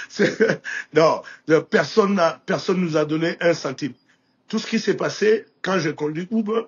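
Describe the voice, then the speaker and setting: This interview guest, an entrepreneur from Burkina Faso with a Burkinabé French accent, recounts anecdotes casually, often restarting and using filler. His voice is a little high with a breathy edge, and the recording is muffled.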